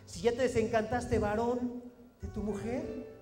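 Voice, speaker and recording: A man preaching a sermon as pastor, animated and emphatic, often quoting others. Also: very high-pitched, a little slow. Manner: animated, preaching with rising emphatic phrases and acted quotes. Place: church hall. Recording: long hall reverb with faint music.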